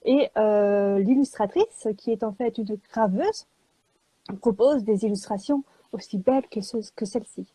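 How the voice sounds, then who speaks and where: A woman publisher and illustrator talking in a live video chat, lively and joking, filling gaps with small words. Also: medium pitch, a little slow, husky, no room sound, poor audio. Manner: lively and joking, with many fillers.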